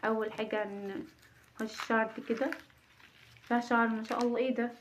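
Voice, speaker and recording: A woman's voice: fairly high pitch, steady tone, fast talker, a little hiss or hum. A woman in her thirties with an Egyptian accent, a mother chatting casually in a home vlog, nervous and self-mocking. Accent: Egyptian Arabic. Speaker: vlogger, mother. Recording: dull lo-fi home recording.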